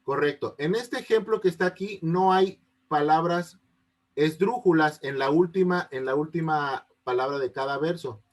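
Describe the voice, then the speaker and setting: High-voiced patient male teacher. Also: moderate pace. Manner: patient, checks often that students understand. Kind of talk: online class explanation. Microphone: video call. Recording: unstable connection.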